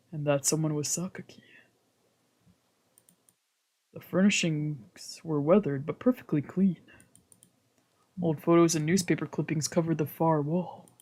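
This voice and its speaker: A mid-range voice belongs to a streamer reading a visual novel's narration out loud. The lines are translated and voiced in first person, punctuated by little whispered asides.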